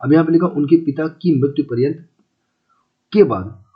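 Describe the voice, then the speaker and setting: A man's voice: fairly high pitch, moderate pace. A man teaching a casual exam-prep Hindi lesson, repeating key words and asking listeners if they follow. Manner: repeats key words, asks checking questions; chatty, calls listeners brother and friends. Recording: slightly dull lo-fi audio.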